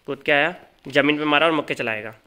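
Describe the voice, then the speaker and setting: A man giving excited live commentary as he calls out a boss's moves and talks to his character. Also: fairly high pitch, fast, clean tone. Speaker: gaming channel host.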